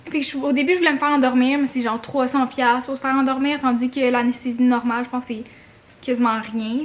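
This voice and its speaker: Talking casually to the camera, this young Québécoise vlogger recounts something personal in a high-pitched voice, her speech expressive and slangy, sprinkled with swear words and bits of English.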